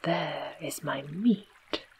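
A woman with an English accent voicing a gruff but tender-hearted male tiger in a low unvoiced whisper, as whispered role-play. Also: extremely slow, noisy background.

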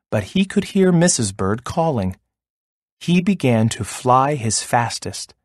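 Man reading a kids' folk tale, slow, lively up and down pitch, dry close sound. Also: no room sound. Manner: slow, expressive storytelling. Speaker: storyteller. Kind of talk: storybook read-aloud.

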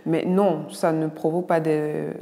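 A woman's voice: sits low, level tone, measured pace, creaky, warm tone. Cameroonian lady doctor doing a q&a, frank and joking, kinda echoey room. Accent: Cameroonian French. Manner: frank, teasing, blunt asides. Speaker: doctor answering viewer questions. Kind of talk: casual video Q&A.

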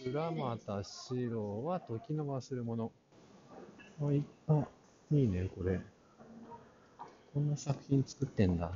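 Animated but slow, with long pauses, a medium-pitched man mutters half to himself through a face mask while touring an art fair. The crowded indoor hall fills the background with noise and crowd murmur. His handheld camera, held at arm's length, captures dull sound.

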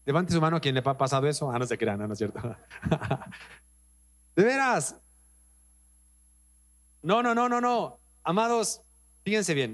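A man with a Mexican accent preaching a sermon as pastor, emphatic, repeating phrases and speaking straight to the congregation. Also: a little high. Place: church.

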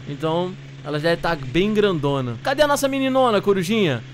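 A young man hosting a gaming channel, chatting excitedly and joking with his co-player during gameplay. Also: high voice, fairly quick, a little hiss or hum. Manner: animated, exclaiming, joking with co-player.

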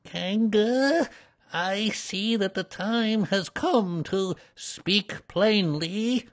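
A storybook reader voicing a small, anxious male piglet, squeaky and jerky, trying to sound brave and indignant. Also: drawn-out words. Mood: anxiously brave.

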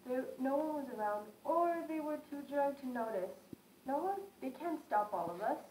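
A woman's voice: high voice, expressive, moderate pace, a little mellow. Woman playing an urgent young female detainee. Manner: urgent, earnest. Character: determined young female detainee longing for her mother. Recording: echoey room, faint noise.

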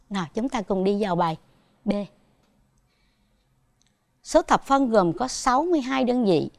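A woman's voice: mid-range voice, vocal fry, no room sound. A woman with a Southern Vietnamese accent teaching a televised primary school math lesson, patiently asking her pupils questions as she goes.

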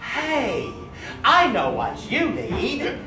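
Male actor as a goofy gentle cat sidekick, lively high voice, music behind. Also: very slow, heavily acted. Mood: soothing. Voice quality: soothing, goofy. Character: Stimpy, a dim kindly fat male cat cadet. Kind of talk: live stage comedy acting. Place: small theater stage. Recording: echoey room from a far phone camera, with music.

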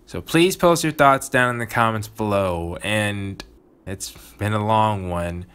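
A man's voice: lowish voice, a little slow, a bit bright, clean tone. A man hosting a gaming channel, talking earnestly and reflectively about his playthrough in casual commentary. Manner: earnest, reflective, thinking aloud.

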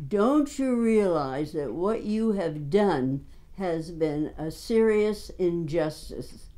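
A woman in her nineties, interviewed in a living room, speaking slowly and with indignant emphasis. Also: lowish voice, lively intonation, warm tone. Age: 90s. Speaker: knitter interviewee. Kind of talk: casual interview.

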